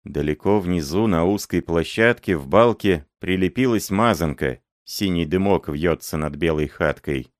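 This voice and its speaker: A man narrating a story aloud in a grave, measured way. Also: low voice, no echo, clean studio sound. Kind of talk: audiobook narration.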